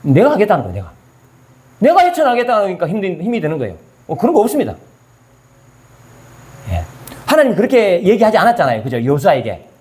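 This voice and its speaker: A man's voice: high-pitched, huge pitch swings, quick pace, long pauses, a little mellow. A male pastor preaching a sermon. He asks his listeners questions and answers them himself, and he acts out scripture in casual everyday speech.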